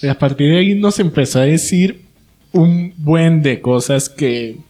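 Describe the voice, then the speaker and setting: A young Mexican man trading a story with a friend in loose, slangy chat. His voice sits slightly high. He quotes people in passing rather than acting them out. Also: unhurried, faint music behind. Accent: Mexican Spanish. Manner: relaxed, slangy, chiming in with quoted lines.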